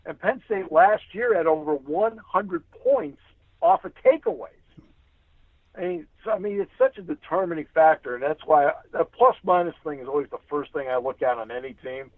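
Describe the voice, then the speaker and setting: A man with a fairly high, very animated voice speaks at normal speed with no echo. He's a radio play-by-play sports announcer appearing as an interview guest, offering emphatic conversational analysis and repeating phrases for emphasis. The line sounds tinny and narrow, like a phone.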